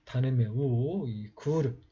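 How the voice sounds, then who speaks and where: A man giving a slow, patient step-by-step writing lesson, talking while he writes, with many pauses. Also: medium pitch, mellow, slightly rough. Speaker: calligraphy teacher. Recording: slightly dull lo-fi sound with faint noise.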